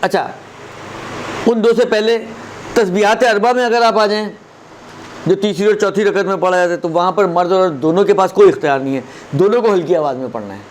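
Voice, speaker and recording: A man with a fairly high voice gives a religious lesson on prayer recitation. He explains patiently and recites example verses slowly, often checking that his listeners follow. Faint background noise and passing vehicles are heard behind him. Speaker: religious teacher.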